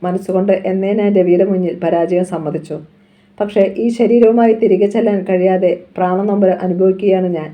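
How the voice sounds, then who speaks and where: A grieving young mother, as the reader puts her on, pleads softly at her father's grave in a novel reading. The pitch sits in the middle range. The recording is dull and lo-fi. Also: natural voice.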